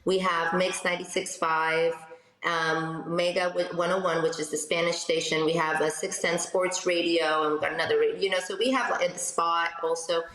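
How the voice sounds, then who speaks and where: South American woman, 30s, chatty radio host, lowish voice, echoey room. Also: normal speed. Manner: chatty, animated storyteller with many restarts. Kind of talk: casual interview chat.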